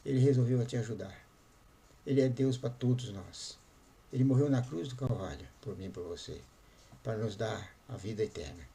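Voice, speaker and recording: A pastor voicing a kind, faithful neighbor who speaks insistently, like a preacher. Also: male voice, medium pitch, gravelly, mellow.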